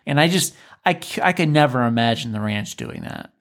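A man hosting a casual interview, talking in an animated, sarcastic way. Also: mid-range voice, a little fast, gravelly. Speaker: podcast host.

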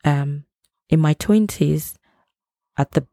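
A woman's voice: sits low, takes it slowly, gravelly, mellow, dry recording, studio quality. A woman in her thirties hosting a podcast, giving earnest advice in a casual reflective monologue. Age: 30s. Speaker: podcast host.

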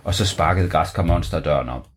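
A man improvising a bedtime story for a child, playful and halting. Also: low-pitched, slightly rough.

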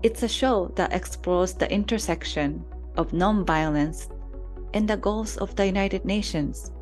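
A woman co-hosting an interview podcast, introducing the show in a clear, scripted way and asking questions. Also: medium pitch, measured pace, darkish tone, faint music behind. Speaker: co-host.

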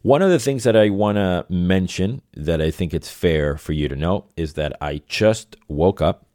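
Speaking in a low, darkish voice at normal speed, this middle-aged podcast host from Venezuela talks loosely on his own show. He rambles, self-corrects and circles back over phrases. The studio recording is clean, with no echo.

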